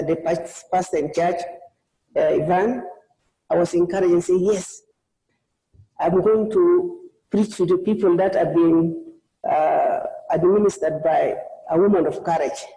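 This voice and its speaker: A woman's voice: on the low side, dark tone, reverberant, poor audio. A woman from Sudan, preaching a sermon as a guest in a church, earnest and personal. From South Sudan. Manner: earnest, personal testimony with frequent restarts.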